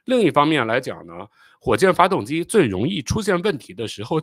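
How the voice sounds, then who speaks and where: A man hosting a live stream, explaining rocket launches and pausing often with fillers. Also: mid-range voice, dry recording, clean studio sound. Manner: explanatory, with frequent filler pauses; apologetic and hurried while fixing playback. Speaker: channel host.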